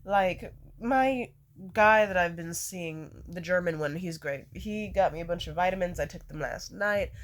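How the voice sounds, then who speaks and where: A woman with a cold and congested nose chats casually, telling stories in an animated, dramatic, sweary way. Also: lowish voice, a little slow. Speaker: vlogger. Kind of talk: casual rambling storytime chat.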